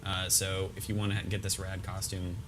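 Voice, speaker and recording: A man's voice: deep voice, monotone, moderate pace, background noise. A man, a game producer, casually talking through gameplay in a laid-back, enthusiastic way.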